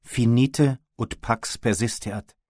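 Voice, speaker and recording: A man voicing a tall male leader of a gathering in an audiobook, speaking in a slow, measured, beseeching way. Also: fairly low pitch, husky, dry recording, clean studio sound. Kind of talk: audiobook character voice.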